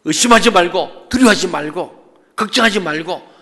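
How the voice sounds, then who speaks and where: A man's voice: high voice, expressive, normal speed, sharp tone, in a large hall. A male pastor preaching a sermon emphatically, acting out the voices in the stories he quotes. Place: church sanctuary.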